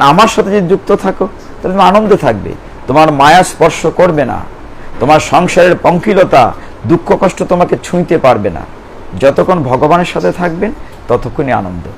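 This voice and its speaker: A man's voice: high voice, a little hiss or hum, poor audio. A man giving a devotional sermon on scripture to a gathering, earnestly addressing his listeners. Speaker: Gita preacher.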